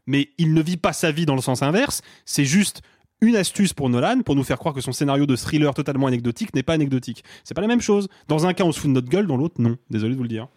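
A man's voice: a little high, animated, a little mellow, no room sound, studio quality. A man arguing his point insistently in a casual film debate on a podcast panel. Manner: insistent, argumentative, rapid. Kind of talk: heated debate.

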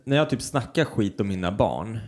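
A man's voice: lowish voice, animated, a little mellow. A man in his thirties co-hosting a podcast, joking and laughing with lots of swearing. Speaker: podcast co-host. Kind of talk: casual chat.

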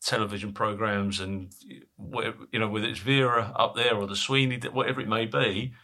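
A man with an Essex accent hosts a conversational interview. His voice sits a little low and has a bright, forceful edge. He sounds middle-aged. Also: fairly even intonation, a little fast. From Essex, England. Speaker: podcast host, interviewer.

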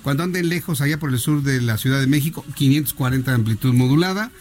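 A man's voice: medium pitch, fast, a little mellow. A Mexican man hosting a radio show in casual, joking chat and reading out listener greetings. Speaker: radio host.

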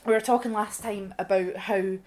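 A woman's voice: medium pitch, moderate pace. A Scottish woman co-hosting a radio music show, chatting and telling stories with plenty of swearing. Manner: sweary, animated storytelling. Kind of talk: casual chat.

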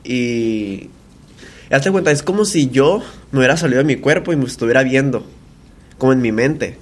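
A man's voice: mid-range voice, expressive, moderate pace. Young Mexican man telling a rambling story. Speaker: podcast co-host. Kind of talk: casual chat among friends.

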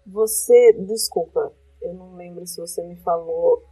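A woman's voice: fairly low pitch, unhurried, mellow, breathy edge, soft background music, rough recording. A woman listening in a casual chat, reacting with short exclamations and questions. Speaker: listener, co-host.

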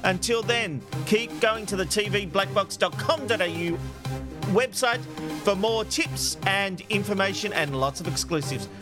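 A man's voice: high voice, a little slow, over music. A man hosting a media panel show, moving between chat and presenting to the listeners. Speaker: podcast host.

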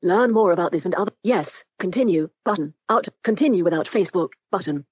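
A woman's voice: on the low side, lively intonation, brisk, slightly rough, dry recording, studio quality. A synthetic female screen reader voice played through a Bluetooth speaker, reading out on-screen labels and buttons. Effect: synthetic speech played through a Bluetooth speaker.

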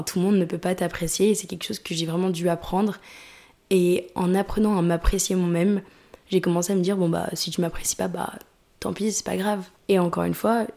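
A woman's voice: on the low side, creaky, warm tone. A woman in her twenties hosting a podcast from her apartment, chatting casually and reflectively, slipping between French and English. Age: 20s. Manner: switching between French and English mid-sentence; reflective, confiding. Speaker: podcast host. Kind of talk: casual chat.

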